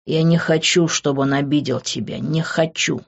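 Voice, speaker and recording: A woman reading an audiobook, dropping low to play a brooding, jealous young lover. He speaks quietly and intensely, sometimes almost in a whisper. The recording sounds dull and lo-fi. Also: fairly even intonation, moderate pace. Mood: hushed. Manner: low, hushed and intense, often near a whisper.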